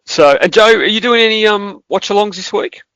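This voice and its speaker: A man's voice: sits high, fairly quick, a bit bright, clear, resonant tone, no room sound, poor audio. An Australian man hosting a casual footy podcast, chatting in a joking, slightly crude way. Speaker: podcast host.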